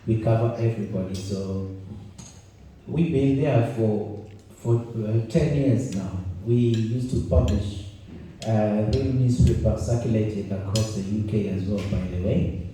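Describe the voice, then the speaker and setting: A Kenyan event host and journalist gives a conference's opening speech in a jokey, conversational way, restarting often. He has a lowish, dark voice and a measured pace. The mic sits at a distance in a roomy conference room, picking up slight background noise.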